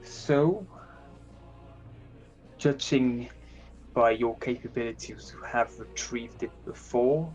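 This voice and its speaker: Here is a stern, lordly inquisitor, voiced by a man at a game table. He speaks formally and deliberately, as one used to being obeyed. Music plays behind his words. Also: medium pitch, a little mellow, muffled recording, lightly acted. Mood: measured command. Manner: formal, measured, commanding.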